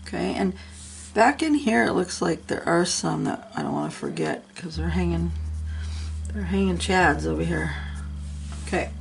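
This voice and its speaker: Her voice is on the low side and expressive, with vocal fry, moving at a moderate pace. This middle-aged woman is a bit under the weather and sniffling while she guides a coloring tutorial, chatty and encouraging and talking to herself as she goes.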